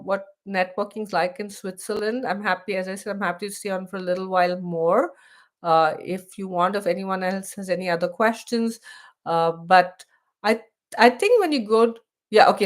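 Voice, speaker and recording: A middle-aged woman from India, speaking with an Indian accent in a mid-range voice, hosts a casual live stream for expats. She's chatty, often restarts her sentences, and reads text aloud.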